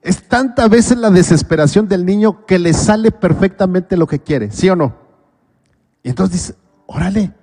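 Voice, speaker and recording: A man with a Mexican accent preaching a sermon as pastor, asking rhetorical questions and swinging between loud pleas and quiet low asides. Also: breathy edge, big-room sound.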